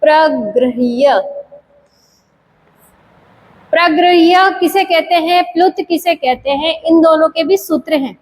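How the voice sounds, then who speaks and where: A woman teaching Sanskrit grammar in a classroom lecture. She asks questions and answers them herself, slowly repeating the key terms. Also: very high voice, poor audio.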